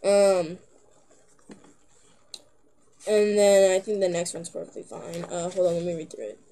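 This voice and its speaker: A woman's voice: fairly low pitch, fairly even intonation, a little fast, mellow. A young teenage girl vlogging in a casual, rambling way, giggling and filling gaps with lots of "um"s. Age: young teen. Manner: rambling, giggly, with many filler words. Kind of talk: casual chat to camera.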